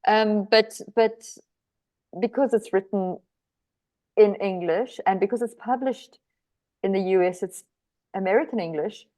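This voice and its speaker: A woman's voice: mid-range voice, a little slow, long pauses, a little mellow. A woman from South Africa with a South African accent, an author answering podcast interview questions with lots of hesitant restarts and easy laughter. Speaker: author guest.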